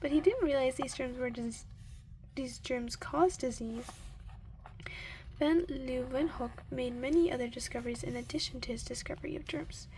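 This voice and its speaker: A woman doing a soft-spoken ASMR reading from a book in a gentle, breathy voice that often sinks into a whisper, unhurried, with murmured asides. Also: high-pitched, a little hiss or hum, poor audio.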